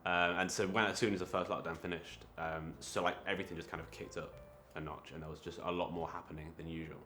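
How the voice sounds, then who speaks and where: A young man talking in a casual, reflective interview, halting often with fillers and restarts. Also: sits low, flat delivery, sharp tone, a little hiss or hum. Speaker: creative interviewee.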